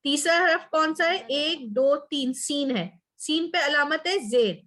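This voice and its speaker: A woman's voice: high-pitched, a little slow, fairly bright tone. A woman teaching a Quran Arabic class online, explaining step by step and checking in with her students often.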